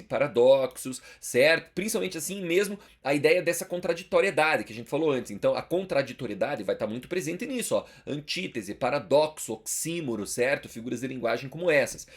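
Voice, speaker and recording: A young adult man with a Brazilian Portuguese accent giving a casual exam-prep lecture, chatty and slangy, constantly checking in with his listeners. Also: mid-range voice. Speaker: teacher.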